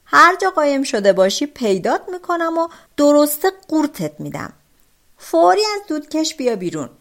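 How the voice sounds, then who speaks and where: A huge male demon from a fairy tale, boastful and menacing, shouting his threats, voiced by a woman. The voice sits on the high side and swings widely in pitch. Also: very animated. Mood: angry.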